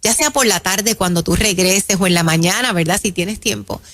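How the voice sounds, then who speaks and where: A woman preaching in an emphatic sermon style on a radio show, calling her listeners her children and slowing down to stress key phrases. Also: medium pitch. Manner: warm, emphatic, addresses listeners as "mis hijos".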